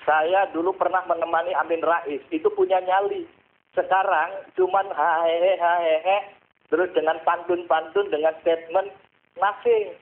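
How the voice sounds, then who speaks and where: A man's voice: fairly high pitch, steady tone, a little slow. A man calling in to a talk show by phone, making an emphatic case with rhetorical questions. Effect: phone-line caller heard through a call-in line. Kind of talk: impassioned call-in commentary. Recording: tinny phone line.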